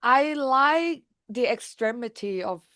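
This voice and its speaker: A young adult woman from Thailand, a guest telling her story in a casual interview, talking in a quick, lively way with many fillers. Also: on the high side. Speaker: guest, founder.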